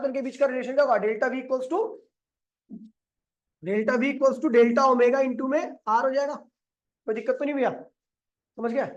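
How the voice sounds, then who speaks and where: A male physics teacher explaining step by step on a board. He keeps asking questions and answering them himself, repeats key steps and mixes in English terms. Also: very high-pitched.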